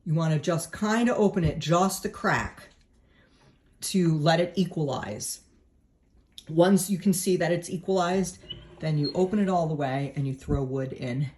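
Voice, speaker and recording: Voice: medium pitch, unhurried, darkish tone. Chatty New England woodstove vlogger. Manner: chatty and informal, with frequent tag questions. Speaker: home vlogger explaining a woodstove to a friend. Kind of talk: casual how-to explanation. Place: at home beside a woodstove, indoors.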